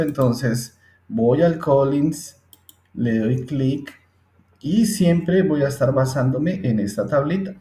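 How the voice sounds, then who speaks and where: A male teacher explains a lesson in a slow, patient way, often checking in with his listeners. His voice is mellow and low-key. The recording has a roomy echo. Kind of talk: screen-recorded English phonetics lesson.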